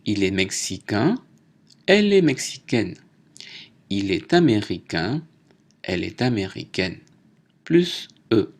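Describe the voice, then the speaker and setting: A man teaching a French lesson, slowly reading word pairs aloud, spelling out endings and correcting himself. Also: lowish voice, big pitch swings. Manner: deliberate, spells out and repeats words; self-corrects mid-list. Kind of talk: slow, careful language lesson.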